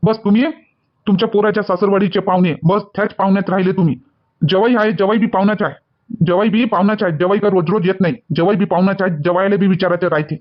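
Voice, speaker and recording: A man's voice: high voice, steady tone, fast, natural voice. A man with a Varhadi Marathi accent playing a touchy young son-in-law who scolds and repeats himself, angry at feeling slighted. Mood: aggrieved. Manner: shouting, repetitive scolding. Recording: dull lo-fi sound.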